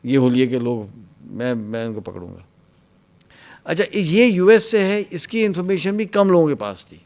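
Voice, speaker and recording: A man telling his life story in an interview. He acts out an angry interrogator and drops to a hushed voice for his own answers. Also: animated. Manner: drops to a hushed, low voice when quoting himself.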